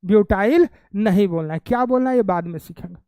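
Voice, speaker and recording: A man's voice: high-pitched, brisk, warm tone, smooth, no room sound. A male chemistry teacher giving a classroom lecture, constantly quizzing students, repeating their answers back and teasing them playfully.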